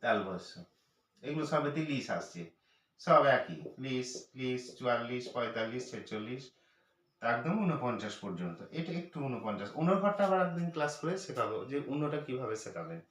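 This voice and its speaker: A man teaching children's number names as a lesson, speaking patiently and repeating each number slowly. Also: mid-range voice, very animated, fairly bright tone. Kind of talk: math lesson for parents and teachers. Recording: echoey room, voice from far off.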